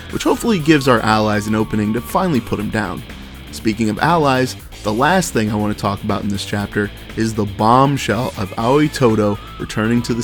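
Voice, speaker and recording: A man delivers scripted review commentary as an online host. He talks like an excited fan, with slang and hyperbole, at a medium pitch. Faint guitar music plays behind his voice.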